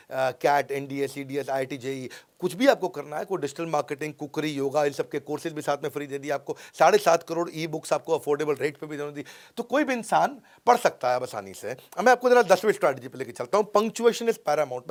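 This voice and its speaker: A middle-aged man with an Indian accent, teaching in an energetic, emphatic way and often checking in with his listeners. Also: a little high. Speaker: business coach and YouTube host. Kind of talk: motivational teaching talk.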